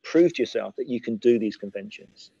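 A man chats casually and teases the host, often stumbling over his first words. His voice sits at a middle pitch. The sound is dull and muffled, with a dry, close feel. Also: lively intonation, fairly quick, vocal fry, mellow, slightly rough, no room sound. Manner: teasing, jokey, repeats words when starting. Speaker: convention organiser guest. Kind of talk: casual chat on a call.

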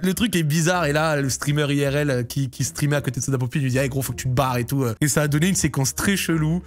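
A young man with a fairly high voice talks fast as a YouTube storyteller. He rambles through a strange story for his viewers, packing it with slang and filler words.

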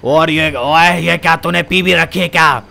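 A man's voice: fairly high pitch, steady tone, unhurried, gravelly, bright, forceful tone, heavily acted. A man voicing an angry male gangster boss who scolds and threatens his men. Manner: barking, scolding.

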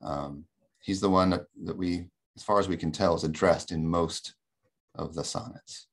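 A man giving an academic lecture in a webinar, explaining in a measured, thoughtful way with frequent ums, heard over a video call. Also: sits low, steady tone. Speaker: webinar presenter.

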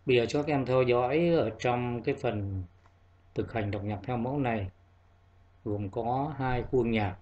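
Male music teacher for young children, slow and patient, recorded lo-fi over quiet instrument backing. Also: medium pitch. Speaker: primary school music teacher. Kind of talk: classroom music lesson.

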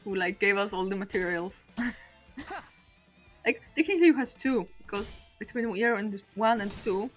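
This young woman from Poland speaks English as a second language with a Polish accent, chatting loosely over gameplay at a normal speed. Her pitch sits in the middle, faint music plays behind her, and her talk wanders with self-mockery and frequent laughter between ideas.

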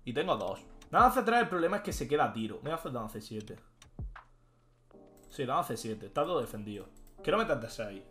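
A man, a chess streamer thinking aloud and commenting live as he plays, excitable and prone to shouting outbursts. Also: mid-range voice, fairly quick, soft background music. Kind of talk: live commentary while playing online chess.

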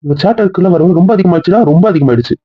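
Young guy nagging his wife super fast, kinda high voice, dull dry audio. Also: slightly rough, no echo. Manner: scolding, teasing, rapid-fire questions. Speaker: husband in a couple vlog skit. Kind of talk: casual couple banter.

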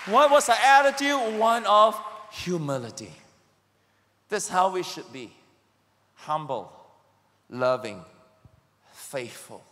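Man, pastor, high-pitched voice, emphatic sermon, long hall reverb. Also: a bit bright. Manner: emphatic, calls on the congregation to respond.

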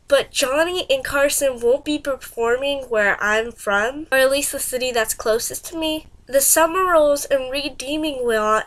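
Teen girl, high voice, congested nose, chatty fan vlogger, rambling casual talk. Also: a bit bright. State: stuffed-up nose from a cold. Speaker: vlogger reacting to a music video. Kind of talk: casual chat.

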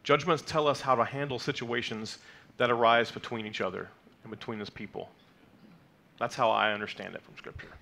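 Speaking brisk and fairly even, with vocal fry and a pushed, bright quality, this thirtysomething man addresses a congregation from a lectern. Hebrew is not his first language, yet he patiently unpacks the terms of the weekly Torah portion, often using fillers and asking "okay?" His voice sits mid-range, and the setting is a sanctuary, a mid-size indoor hall.

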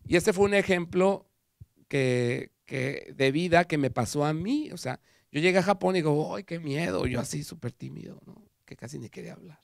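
A man with a Mexican Spanish accent giving a conference talk at a university, telling stories and acting out quotes in an animated way. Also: on the high side, normal speed, vocal fry, no echo, studio quality. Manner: animated storytelling with acted quotes. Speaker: lecturer. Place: lecture hall.

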